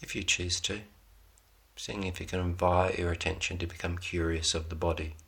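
This relaxation meditation is guided by a man whose deep voice stays low and level, barely moving melodically and touched by vocal fry. He gives calming directions in brief, leisurely phrases, pausing between each.

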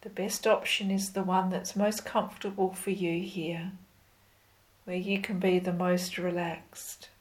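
Very slow, low-voiced woman guiding yoga. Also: low-quality recording. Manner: calm, unhurried, gentle step-by-step cueing. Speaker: yoga instructor. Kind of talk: slow guided yoga instruction.

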